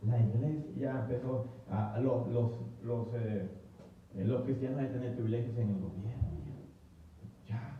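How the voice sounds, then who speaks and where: A male pastor preaching a history sermon in an animated way, acting out voices and often repeating himself. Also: medium pitch, moderate pace, a little hiss or hum. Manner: animated, acts out quoted voices, stumbles and repeats words. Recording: heavy echo, distant mic, tinny phone-like sound.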